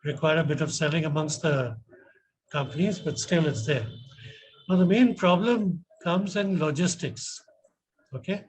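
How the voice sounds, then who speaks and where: A middle-aged man with an educated, polished Indian accent, giving measured, hesitant feedback and questions as a competition judge. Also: a little high, slightly rough, rough recording.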